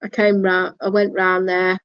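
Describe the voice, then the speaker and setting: A woman's voice: mid-range voice, completely flat delivery, measured pace, clean tone, dry recording. A woman casually telling a personal story in a blunt way and swearing freely. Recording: dull lo-fi recording.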